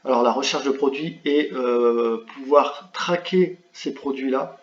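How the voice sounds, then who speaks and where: A man giving a screen-share software tutorial, talking hesitantly with many fillers and restarts. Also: medium pitch, a little slow. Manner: apologetic about his English pronunciation. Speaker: online business tutor. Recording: roomy, slightly dull home recording.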